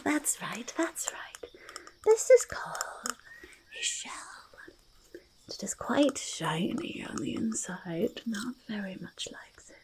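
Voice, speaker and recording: In a soft ASMR roleplay, a woman plays a quirky, treasure-loving and mildly menacing forest goblin who refers to herself in the third person. Her medium-pitched, heavily acted voice is a breathy half-whisper with creaky fry, drifting between soft speech and whispers and repeating words in a quaint, halting way.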